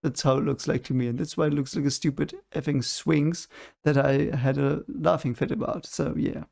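A young man talks over clips at his desk, his voice gravelly and sitting a bit high for a man. His commentary is casual and skeptical, dismissing what he sees as fake and stopping now and then to search for a word. He speaks close to a desk microphone. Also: steady tone, normal speed, darkish tone. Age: young adult. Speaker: reaction video host. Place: home room at a desk. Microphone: desk microphone in front of him.

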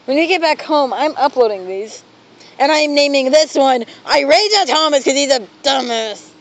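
A man's voice: extremely high pitch, moderate pace, fairly bright tone, rough recording. A young man vlogging outdoors on a city street, chatting in an exasperated, bossy way into a phone. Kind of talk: casual vlog chat while walking. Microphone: phone held while walking. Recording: phone recording with traffic noise.

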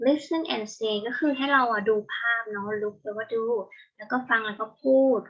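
A young woman teaching an English vocabulary lesson, explaining patiently step by step and slowing down on each English word. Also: fairly high pitch, fairly bright tone, breathy edge. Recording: dull lo-fi home recording.

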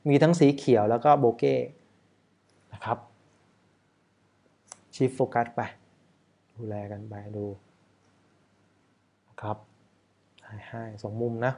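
Man, wedding photographer, casual commentary, chatty, rhetorical questions, medium pitch. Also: mellow.

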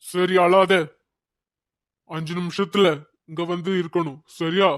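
A voice actor playing a stern, protective old grandmother in a cartoon, with a deep pitched-down voice and a firm, scolding way of talking. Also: flat delivery, unhurried, lightly acted. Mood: soothing. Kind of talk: cartoon voice acting.

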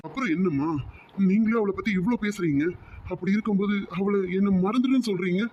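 A man's voice: sits high, quick pace, a little mellow, lo-fi sound, slight background noise, close to an everyday voice. A man voicing a distressed young man in love in a cartoon, confused and pleading with his mother. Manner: pleading, confused, repeating "amma". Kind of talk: cartoon voice acting.

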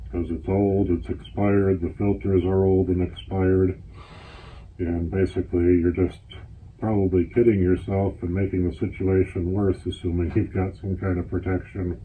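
A low-voiced man speaks through a gas mask, explaining plainly and steadily. His husky tone barely rises or falls. The sound is thin and lo-fi, like a phone line. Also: flat delivery, moderate pace, slight background noise. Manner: plain, matter-of-fact explaining. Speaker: gas mask collector reviewing gear. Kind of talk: casual product overview.

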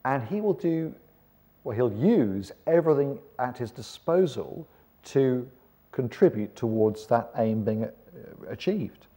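Middle-aged man, kindly vicar sermon, dark mellow tone, slightly husky, gentle questioning delivery. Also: mid-range voice, very animated, unhurried. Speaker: preacher. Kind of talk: sermon to a seated congregation. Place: church auditorium with stage.

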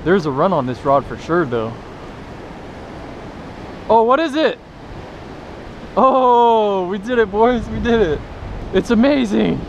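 A young man filming a fishing vlog on a beach, talking to viewers in a joking, excitable way. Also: high voice, slow, gravelly, pauses often, lo-fi sound. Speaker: fishing vlogger. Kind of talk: casual excited vlog commentary. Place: beach by the surf, outdoors. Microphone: action camera. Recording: wind and surf noise.

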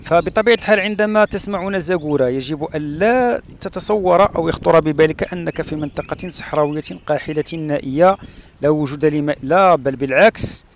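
A man from Morocco narrating his travels along a rural road and through a palm oasis, pausing often with "uh" fillers. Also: fairly high pitch, slight background noise. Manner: hesitant, with frequent "uh" fillers and pauses. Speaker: travel vlogger.

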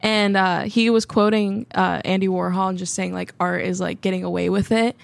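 A woman in her twenties hosts a casual podcast from a desk mic on a stand, wearing headphones in a small studio with textured walls. She's chatty, with quick laughs and lots of "like" and "um." Her voice is medium-pitched, gravelly and fairly flat, and the recording is dry.

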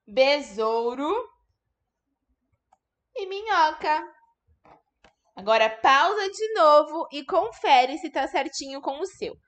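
A woman's voice: high voice, animated, unhurried, a bit bright. A woman teaching a remote lesson to young children, patiently sounding out words syllable by syllable. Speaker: primary school teacher.

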